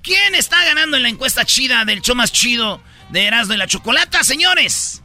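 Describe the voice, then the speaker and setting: A man's voice: very high voice, very animated, fairly quick, pushed and bright, faint music behind. A man with a Mexican accent hosting a comedic radio talk show like a hammy, playful announcer.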